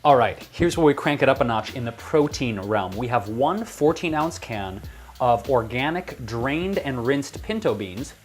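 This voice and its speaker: An American man hosts a cooking show from his kitchen, presenting a recipe to camera with a chatty, playful, enthusiastic delivery. He has a mid-range, expressive voice and speaks a little slowly during this upbeat demonstration.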